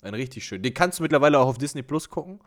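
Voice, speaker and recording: Man, podcast co-host, animated storyteller, acts out dialogue, mid-pitched. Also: racing. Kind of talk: casual storytelling chat.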